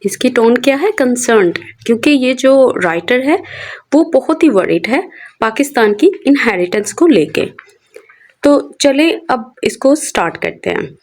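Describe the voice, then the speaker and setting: Woman English teacher, a touch high, who asks and answers her own questions over an editorial. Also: lively intonation, a little mellow. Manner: asks herself questions and answers them, reading English phrases slowly. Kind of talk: explaining a newspaper editorial to students.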